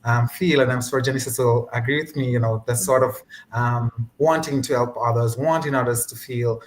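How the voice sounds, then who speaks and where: A man, a physician on a panel, speaking in a measured, hesitant way with many pauses and restarts. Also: medium pitch, fairly even intonation, slight background noise, low-quality recording. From Jamaica. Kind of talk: casual panel discussion.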